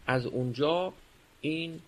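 A man giving a religious lecture, explaining and posing rhetorical questions. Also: fairly high pitch. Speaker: religious speaker.

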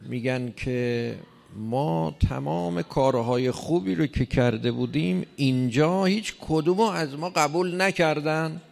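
A man's voice: on the high side, creaky. A man preaching a sermon in an emphatic way, pushing hard on key lines. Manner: emphatic, rising to loud stresses. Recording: long hall reverb.

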